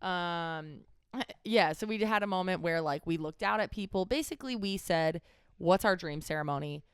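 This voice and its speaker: Woman, low pitch, casual conversational co-host, halting delivery, searching for words, self-correcting. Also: smooth, no room sound, studio quality. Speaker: podcast or vlog co-host. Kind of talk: casual chat about their own wedding.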